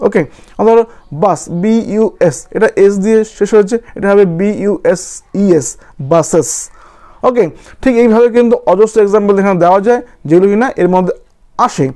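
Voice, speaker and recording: A man's voice: high-pitched, fairly quick, dark tone. A man teaching a grammar lesson, spelling words out letter by letter and often checking that students follow. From West Bengal.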